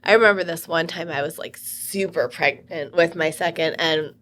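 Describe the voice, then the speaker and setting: A woman in her thirties, a realtor co-hosting a podcast, chatting casually and telling animated stories with frequent laughter. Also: sits low, moderate pace, a little hiss or hum. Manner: animated storytelling, laughs often. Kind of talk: casual chat.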